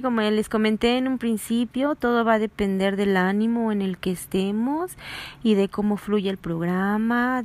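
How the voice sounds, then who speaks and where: Nervous woman radio host. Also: mid-range voice. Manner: nervous, drops into whispered asides. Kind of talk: casual radio hosting.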